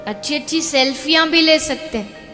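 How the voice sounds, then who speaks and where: A woman giving a devotional sermon with storytelling, emphatic and building to loud repeated refrains. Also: high voice, moderate pace. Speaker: spiritual preacher. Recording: echoey hall with music behind.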